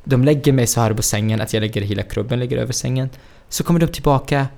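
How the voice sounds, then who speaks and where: Speaking broken Swedish with plenty of laughter and animation, a gravelly-voiced young man from Syria tells stories as an interview guest. His voice is mid-range, and his first language is Arabic.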